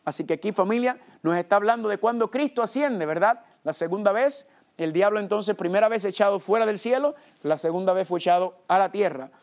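A man's voice: high voice, fairly quick. A man preaching a Bible study sermon, calling his listeners family and tossing in rhetorical questions.

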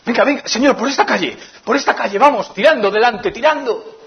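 A man from voicing an anxious father, hurried and pleading, on a muffled recording. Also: extremely high pitch, creaky, pitched above the performer's own voice. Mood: pleading urgency. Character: anxious father urging haste, middle-aged man.

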